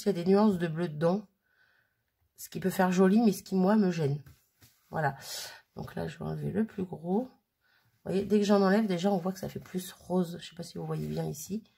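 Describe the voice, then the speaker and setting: Gravelly low-voiced woman vlogging. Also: darkish tone. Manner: chatty, filler-heavy, frequent "hop" while working. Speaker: crafting vlogger. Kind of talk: casual hands-on demonstration.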